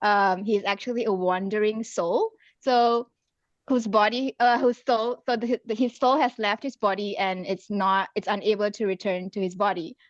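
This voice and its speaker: Hesitant author with a dull dry sound. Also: female voice, medium pitch, fairly even intonation, moderate pace, dry recording. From Singapore. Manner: hesitant, many ums, laughs often. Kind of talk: casual chat.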